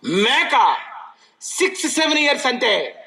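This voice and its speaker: High bright-voiced male preacher. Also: big pitch swings, slow pace, gravelly, poor audio. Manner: questioning the congregation, swinging between loud calls and low asides. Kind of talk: sermon.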